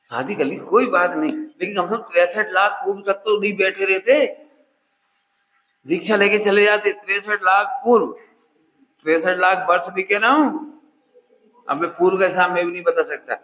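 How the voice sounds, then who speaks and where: A man from India with a high voice delivers a religious discourse to an audience, asking questions and repeating his points. His voice rings out with a long reverb, as if he were in a large hall. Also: moderate pace, long pauses, pushed and bright. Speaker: Jain scholar giving a discourse. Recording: echoey hall.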